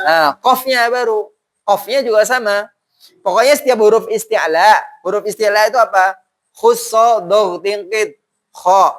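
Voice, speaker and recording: A man teaching Quran recitation in a mosque, modeling syllables slowly and leading students to repeat. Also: high-pitched, a bit bright. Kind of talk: tahsin lesson with call-and-response drilling.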